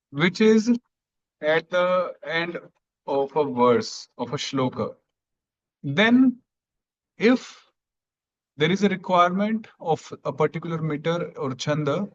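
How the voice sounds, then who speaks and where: A man teaching an online grammar class, explaining patiently step by step and clearing his throat now and then. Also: on the high side, dull audio.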